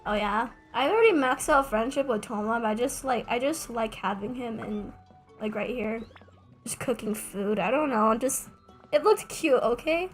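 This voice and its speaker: Soft music plays behind a young adult woman whose voice sits on the high side at a normal speed. During her casual gameplay stream she talks in a rambling, self-deprecating way with humorous asides.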